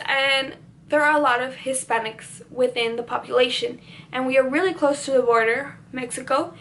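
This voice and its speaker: A little hiss or hum runs under the high, fairly bright voice of a teenage girl from the United States. A beauty vlogger who first spoke Spanish, she casually works through a Q&A, leaning on "like" and restarting her sentences.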